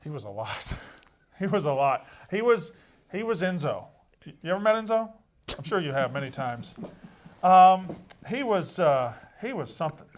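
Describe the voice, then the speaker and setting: A man hosting an irreverent comedic interview, asking questions and teasing in a deadpan way. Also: on the high side, moderate pace, slight background noise. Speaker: interviewer, host.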